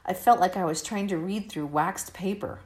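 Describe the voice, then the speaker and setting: A woman in her fifties reading her own personal essay aloud in a candid, steady, measured way. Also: fairly low pitch. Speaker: narrator of her own story.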